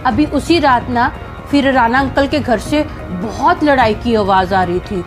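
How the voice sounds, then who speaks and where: A woman telling a personal story in a casual vlog, animated and dramatic, with many fillers. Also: a little high, measured pace, over music.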